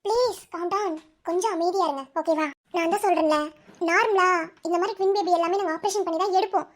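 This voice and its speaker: Woman voicing a cartoon doctor, very high-pitched, quick, soothing, firm. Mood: reassuring. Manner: soothing, firm, mixes English words. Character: calm reassuring woman doctor. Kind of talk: cartoon voice acting.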